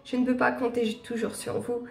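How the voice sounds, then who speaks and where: A woman's voice: on the high side, level tone, moderate pace, gravelly, reverberant. A woman with a sore throat reading the hesitant, apologetic lines of a shy young heroine from a game. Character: shy young heroine living among vampires. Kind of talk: reading game dialogue aloud.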